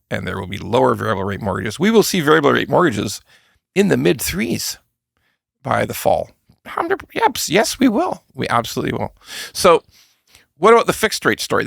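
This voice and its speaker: A man's voice: medium pitch, gravelly, a bit bright, no echo, studio quality. A middle-aged man hosting a mortgage podcast, talking bluntly and emphatically with mocking asides. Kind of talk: casual commentary.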